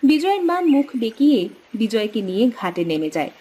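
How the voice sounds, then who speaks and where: A woman giving scripted storybook narration for a cartoon in a steady storytelling manner. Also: a little high, a little fast, slightly rough.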